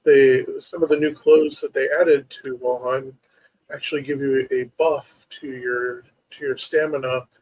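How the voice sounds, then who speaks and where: A man's voice: mid-range voice, steady tone, a little slow, a little mellow, no echo, low-quality recording. A man co-hosting a gaming stream with casual, playful, jokey banter. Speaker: stream co-host playing the game. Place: room shared with host.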